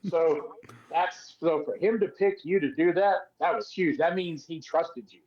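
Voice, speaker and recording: Man, podcast co-host, casual storytelling, acts out quotes, somewhat high voice, dull lo-fi sound. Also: measured pace, darkish tone. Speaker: podcast co-host, former wrestler.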